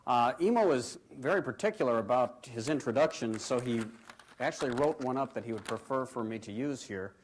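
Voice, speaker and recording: A man's voice: mid-range voice, expressive, a little fast, slight background noise. A man hosting a TV comedy show with a mock-earnest announcer delivery. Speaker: TV show host. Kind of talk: scripted TV hosting.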